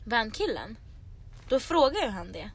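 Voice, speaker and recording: Loud, laughing young woman podcaster. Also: on the high side, big pitch swings, slightly rough. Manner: loud, laughing storyteller, swears freely. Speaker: podcast co-host. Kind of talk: casual chat.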